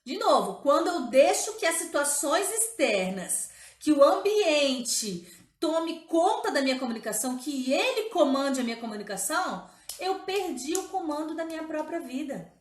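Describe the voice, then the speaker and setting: A woman's voice: high-pitched, very animated, normal speed, echoey room. A woman teaching in a live-streamed talk as a motivational coach, emphatic and often checking in with her listeners.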